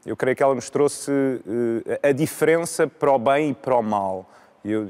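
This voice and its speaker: A man in his thirties with a European Portuguese accent, speaking as a guest in a live panel debate, measured and often restarting his sentences. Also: mid-range voice, darkish tone. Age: 30s. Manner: measured, with frequent repetitions and restarts. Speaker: law lecturer and debate guest.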